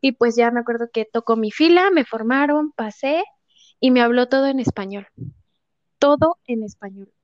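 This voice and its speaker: A young woman with a Mexican accent tells her story with energy and acts out the voices of the people in it. Her voice sits a little high and sounds dry and close, with muffled, lo-fi audio. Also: moderate pace, dry recording. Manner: lively storyteller acting out quotes. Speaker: guest. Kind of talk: casual interview chat.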